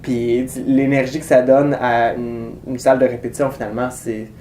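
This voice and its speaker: A man's voice: mid-range voice, moderate pace, a little hiss or hum. A man, a stage director from southwestern Ontario with a Franco-Ontarian accent, talking casually in an interview. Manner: relaxed, conversational, frequent fillers. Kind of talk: interview talk. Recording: roomy, distant mic.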